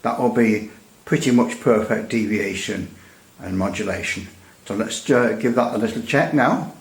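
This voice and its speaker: In an echoey indoor space, a radio hobbyist at his workbench presents a repair in a lowish voice at normal speed. He chats casually and without a script, rambling, hesitating, and slipping in dry jokes.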